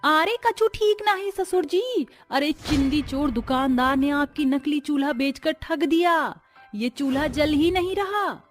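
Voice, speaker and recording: A brash young village bride, as a woman puts her on, talks back in a loud, drawling Bhojpuri-tinged eastern Hindi dialect, her voice pitched up high and lively. Faint music hums under this cartoon story. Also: a little slow. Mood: sassy.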